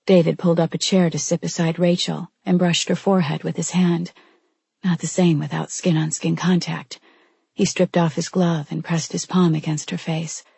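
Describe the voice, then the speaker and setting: A woman narrates in a low, gravelly voice with a deeply husky, breathy edge. Her tone is dark and mellow, and she is recorded close and dry with no room sound. The reading stays measured and even throughout. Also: no echo. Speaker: audiobook narrator. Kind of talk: scripted narration.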